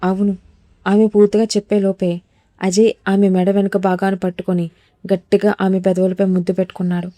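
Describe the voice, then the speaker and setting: A woman narrating a scripted romance story in a measured storytelling manner. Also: mid-range voice, little pitch movement, dark tone, no echo.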